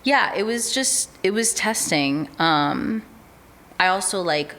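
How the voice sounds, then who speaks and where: A young American woman who works as an artist manager chats as a guest in a casual podcast interview, relaxed and talkative with lots of "um" and "like." She speaks slowly at a medium pitch.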